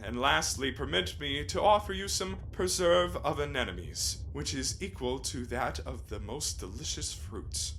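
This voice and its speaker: A man's voice: medium pitch, lively intonation, a little slow, hardly any pauses, a bit bright. A man acting Captain Nemo, proud and grandiloquent. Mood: proud, hospitable. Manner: formal, grandiloquent, declamatory. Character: Captain Nemo, proud, courteous, impassioned sea captain. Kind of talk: theatrical radio play acting. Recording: clear background noise, live stage recording.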